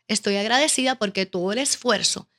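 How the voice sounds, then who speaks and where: A woman with a Caribbean Spanish accent speaks in a bright, keen-edged voice at an average female pitch. She recounts her experience informally and animatedly, voicing thoughts and dialogue as she goes. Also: a little fast. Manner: animated, acting out her own inner questions and quoted remarks. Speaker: interview guest, teacher and educational consultant. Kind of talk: casual personal storytelling in an interview.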